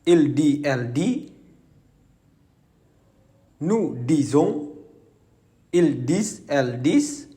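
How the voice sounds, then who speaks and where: A man reciting verb conjugations slowly and clearly as a language teacher. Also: a little high, big pitch swings, mellow. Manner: slow, deliberate, enunciated recitation. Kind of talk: slow conjugation drill.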